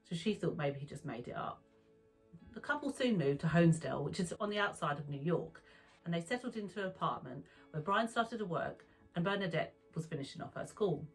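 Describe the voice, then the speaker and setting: A woman narrating a true crime story in a calm, even storytelling manner. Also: on the low side, husky, rough recording.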